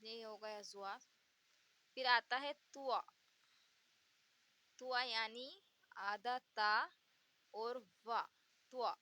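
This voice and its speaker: A woman's voice: a little high, steady tone, drawn-out words, pauses often, pushed and bright. A woman teaching the Urdu alphabet, patiently repeating each letter's sound and giving example words. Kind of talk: slow letter-by-letter pronunciation lesson.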